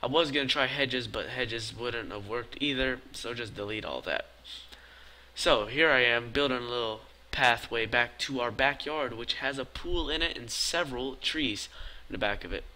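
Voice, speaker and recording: A tired man talking quietly and casually as he narrates a building game in his video. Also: normal speed, low-quality recording. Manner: talks quietly and low-key because it is late. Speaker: gaming video creator. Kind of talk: casual gameplay voice-over.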